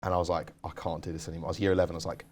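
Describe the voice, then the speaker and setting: Talking very fast in a low voice with a level tone, a young podcast co-host recounts candid stories during casual banter. "Like" comes up a lot in his speech.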